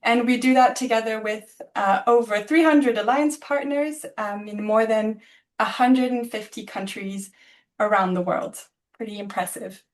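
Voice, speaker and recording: German isn't this webinar host's native language. Speaking on a video call in a voice on the high side, she warmly, if a bit haltingly, presents the speakers and laughs when she slips up.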